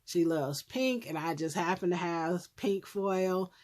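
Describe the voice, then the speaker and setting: A middle-aged woman casually showing her handmade crafts, slightly hoarse as she loses her voice, with a rambling manner full of ums and self-corrections. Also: lowish voice, unhurried, a little mellow. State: losing her voice, clearing her throat. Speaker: crafting YouTuber. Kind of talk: casual craft show-and-tell.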